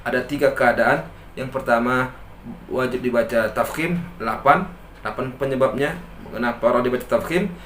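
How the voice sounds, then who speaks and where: A man's voice: medium pitch, a bit bright. Man teaching recitation in an echoey room. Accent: Indonesian. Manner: patient, repeats each example slowly, contrasts wrong and right readings. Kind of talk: tajweed lesson with recited examples. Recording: echoey room with faint noise.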